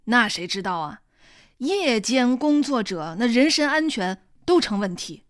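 A woman's voice: big pitch swings, moderate pace, fairly bright tone, no echo, studio quality. A woman doing a scornful, nagging old mother. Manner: scolding, sarcastic, lower than the narrator's voice. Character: sharp-tongued elderly mother, scornful and nagging. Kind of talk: audiobook character reading.

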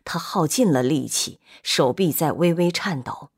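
A woman reads a literary novel aloud at an even, measured pace. Her voice sits on the lower side, calm and steady, carrying the scene without rush. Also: slightly rough. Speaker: narrator. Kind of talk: scripted audiobook narration.

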